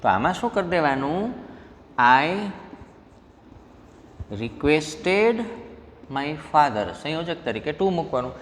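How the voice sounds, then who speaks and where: Gujarati accent guy teaching grammar, lively up and down voice, echoey hall, some hiss. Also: a little high. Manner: explains step by step, reads example sentences slowly, asks the class questions. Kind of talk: classroom lecture mixing Gujarati and English. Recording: faint noise, long hall reverb.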